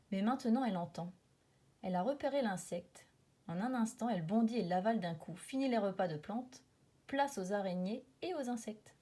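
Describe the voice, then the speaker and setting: Une femme lit un livre documentaire sur la nature pour enfants, comme une conteuse expressive qui souligne certains mots avec emphase. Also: female voice, medium pitch, husky. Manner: storytelling, dramatic emphasis on repeated words and sound words. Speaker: reader of a children's nature book. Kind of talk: expressive nature documentary narration, read aloud for children.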